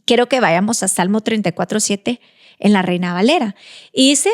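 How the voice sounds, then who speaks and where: A woman's voice: medium pitch, normal speed. A young adult woman from Guatemala hosting a devotional podcast, telling an earnest, emotional testimony and acting out her prayers. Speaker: podcast host.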